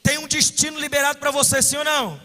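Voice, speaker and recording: A man with a Brazilian accent preaching at a conference, passionate, moving between loud declarations and hushed asides. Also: very high voice, fast. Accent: Brazilian Portuguese. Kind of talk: conference sermon. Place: conference hall. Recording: echoey hall reverb.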